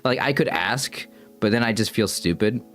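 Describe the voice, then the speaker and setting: Over soft background music, a young man with a lowish, slightly bright voice talks at normal speed to his livestream audience. The chat is casual and rambling, and he's self-conscious, regularly stumbling and starting sentences over.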